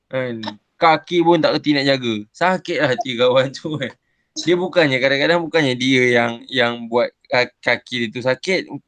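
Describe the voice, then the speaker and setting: A man with a Malaysian Malay accent teaches young children over a video call, joking and checking in with "kan?" after nearly every point. His voice sits at an ordinary middle pitch and sounds close and dry, with no room around it. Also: a bit bright, no room sound. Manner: chatty, teasing, keeps asking "kan?"; acts out silly examples with a chuckle. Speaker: religious teacher. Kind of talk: online class lesson for young pupils.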